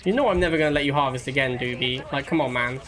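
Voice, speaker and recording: A man's voice: medium pitch, racing, music in the background. A man giving casual live commentary as he streams a game, musing and repeating himself in a conversational way.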